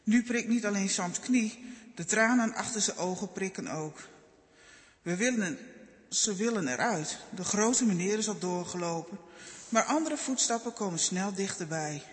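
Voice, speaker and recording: A man narrating a children's Bible story in a gentle, measured storytelling manner. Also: high-pitched, expressive, in a large hall.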